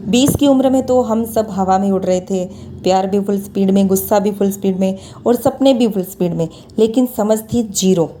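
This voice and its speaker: A woman's voice: mid-range voice, normal speed, warm tone, a little hiss or hum. A woman in her thirties giving a motivational talk, earnestly urging her listeners on. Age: 30s. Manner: earnest, exhorting. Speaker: motivational speaker. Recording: music behind the voice. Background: background music.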